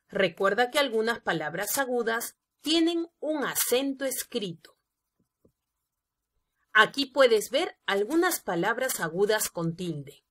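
Female teacher, scripted lesson narration, very unhurried and deliberate delivery. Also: medium pitch, fairly bright tone. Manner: slow, careful, addressing students directly.

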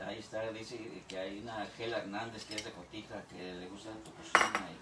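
A man's voice: lowish voice, steady tone, brisk, a crowd in the background. A man off to the side reading out viewer comments and requests in an offhand way. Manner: offhand, relays requests, talks over kitchen clatter.

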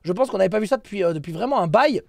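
A man commenting live on his team's esports match, excitable, repeating himself and breaking into shouts. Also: sits high, rapid-fire, gravelly, no echo, studio quality.

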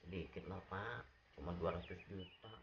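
A man doing a calm matter-of-fact doctor. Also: low-pitched, normal speed, highs cut off, a little hiss or hum. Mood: businesslike.

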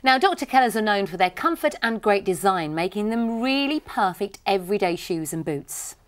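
A middle-aged British woman presents products on a shopping channel. Her pitch is average for a woman but swings in a very animated way. The delivery is scripted and upbeat, recorded in a studio. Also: normal speed. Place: TV studio lounge set.

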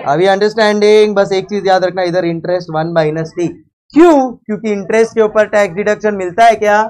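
Emphatic high-voiced Indian male lecturer. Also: brisk, a little mellow. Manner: asks the class constant check questions; mixes English phrases into Hindi. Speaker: accounting lecturer. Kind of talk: live classroom lecture. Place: lecture hall with a live class.

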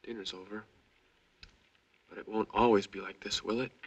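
An actor playing a young soldier's halting, stammering inner monologue that swings between hushed dread and panic. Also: male voice, on the low side, fairly even intonation, slightly rough, low-quality recording. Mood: uneasy. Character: young male soldier, maimed, trapped and frightened. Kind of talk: film voice-over inner monologue.

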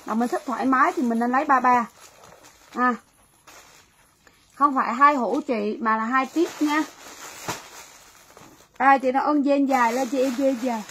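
A woman's voice: sits high, normal speed, pauses often, a bit bright, poor audio. A woman running a livestream sale, talking chattily to viewers and repeating phrases, with faint noise behind her. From Vietnam. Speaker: livestream seller. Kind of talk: livestream sales pitch.

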